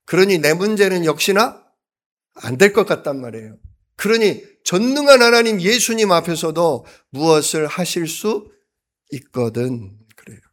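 A male pastor preaching a sermon, acting out quoted lines with sudden loud outbursts and then dropping to a soft voice. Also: fairly high pitch, big pitch swings, normal speed. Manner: dramatic, acts out quotes with sudden loud bursts.

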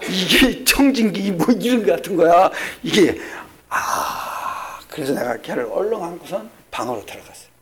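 An older man preaching a sermon, shifting between loud emphatic lines and hushed, almost whispered ones. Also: a little high. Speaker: pastor.

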